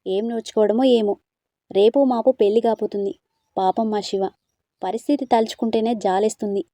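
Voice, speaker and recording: A woman voicing a kindly, soft-hearted old grandmother in a storybook, speaking gently and fondly. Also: mid-range voice, fairly even intonation, fairly quick, no room sound, lightly acted. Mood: gentle. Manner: gentle and fond.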